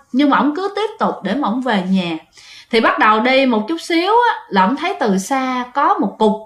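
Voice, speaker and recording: A woman narrates a ghost story in a loose, chatty way, turning to her listeners often. Her voice sits high. The recording has a roomy echo. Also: a bit bright.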